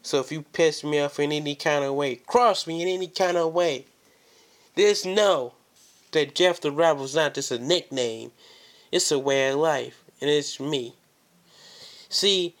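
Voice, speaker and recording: A man delivering a wrestling promo, confrontational and boastful, repeating phrases for emphasis as he calls out an opponent. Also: a little high.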